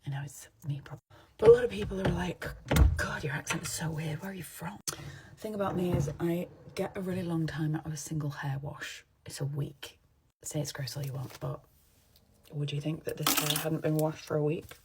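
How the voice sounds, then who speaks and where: A woman from England with a partly Americanized English accent, chatting and rambling into her phone at home while doing her makeup, sometimes dropping into soft asides. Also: deep voice, steady tone, brisk, noisy background. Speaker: makeup vlogger. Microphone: phone camera.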